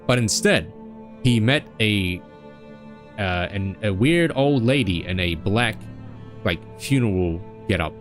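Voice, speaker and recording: A man's voice: fairly low pitch, expressive, takes it slowly, faint music behind. A young man recapping a story in a casual, rambling way, with many fillers and asides. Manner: rambling, with frequent fillers and acted-out voices. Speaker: streamer.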